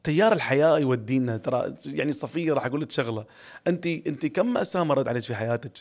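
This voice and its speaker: A man in his forties with an Emirati Arabic accent, a podcast guest telling stories in an animated, reflective way, recorded close on a studio mic. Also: medium pitch, very fast. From Ras Al Khaimah, UAE. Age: 40s. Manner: animated, gestures a lot, laughs often, reflective. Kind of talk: casual storytelling interview. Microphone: studio boom mic close up.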